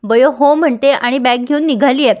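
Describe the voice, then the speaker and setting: A woman's voice: sits high, moderate pace, highs cut off. A woman casually retelling a TV serial episode in a chatty way, speaking straight to her viewers. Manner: chatty, addresses viewers directly. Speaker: serial recap narrator.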